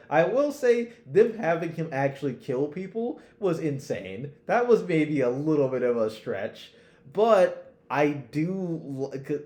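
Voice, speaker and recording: A podcast co-host with a slightly high, darkish-toned voice chats casually about anime, full of slang and heavy swearing. The recording is roomy and echoey.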